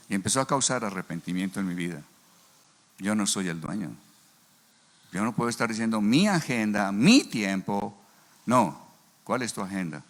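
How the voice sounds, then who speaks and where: A middle-aged pastor preaches a sermon, weaving in stories and acting out conversations. His voice sits on the low side with a gravelly, fry-laden edge. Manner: animated storyteller, acts out dialogue. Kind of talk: sermon with storytelling.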